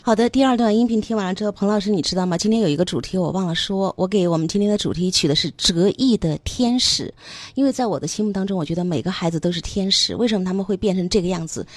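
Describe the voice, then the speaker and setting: A woman's voice: medium pitch, fast talker, no echo. A woman hosting a talk show, speaking emotionally and from the heart as she introduces the segment.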